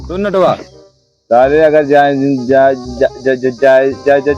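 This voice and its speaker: A coarse village drinking buddy acted by a man nags in a mid-pitched voice with an Awadhi accent. He is drunkenly repetitive and bossy, in comedy-skit fashion, with music behind him. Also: takes it slowly, a little mellow, lo-fi sound, lightly acted. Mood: insistent.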